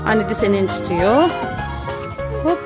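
Playful high-voiced mother cheering her child. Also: expressive, normal speed, loud music behind the voice. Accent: Turkish. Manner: playful, coaxing, counting and cheering. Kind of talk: casual chat with a toddler. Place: outdoor playground.

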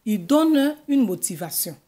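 A middle-aged woman with an Ivorian French accent, a school guidance counselor explaining things in a measured way in a TV studio interview. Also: fairly high pitch, sing-song, warm tone. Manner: measured, explanatory, gestures with her hands. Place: TV news studio. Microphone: desk microphone.

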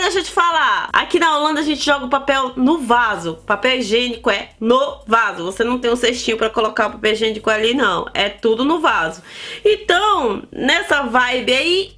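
A Brazilian woman in her thirties with a northern Brazilian accent, telling a story to camera in a relaxed vlog. Her voice sits high, and she talks in a chatty, animated way, often addressing her viewers as close friends. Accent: Brazilian Portuguese, northern. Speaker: vlogger.

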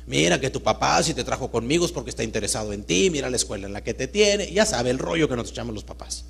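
A man giving a live talk to an audience, swinging between loud emphatic bursts and hushed storytelling. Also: mid-range voice, lively intonation, fast talker, gravelly, husky. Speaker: motivational speaker. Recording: reverberant hall with mains hum.

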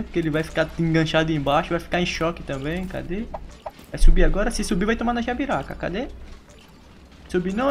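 A man's voice: on the high side, slight background noise. A young Brazilian man rambling and joking to himself as he plays a battle royale game. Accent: Brazilian Portuguese. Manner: rambling, playful, talks to himself while playing. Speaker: gaming youtuber. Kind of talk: casual gameplay commentary.

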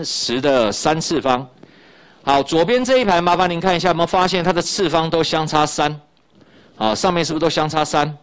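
Chatty Taiwanese-Mandarin physics teacher, lively pitch. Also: male voice. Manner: chatty, repeats key points, tags lines with "ha" and "you know". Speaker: high school physics teacher. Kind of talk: recorded classroom lecture.

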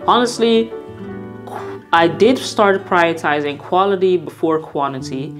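A young woman vlogger and designer talks straight to her viewers in casual to-camera vlog talk, unhurried, candid and rambling, circling back to correct herself. Her voice sits unusually low for a woman, with soft music playing faintly behind her.

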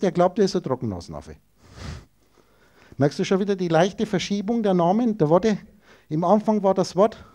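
A man holds forth in a lecture, firing rhetorical questions straight at his listeners. His voice sits high for a man yet sounds mellow and soft-edged. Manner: emphatic, rhetorical, addresses listeners directly. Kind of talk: esoteric lecture to an audience.

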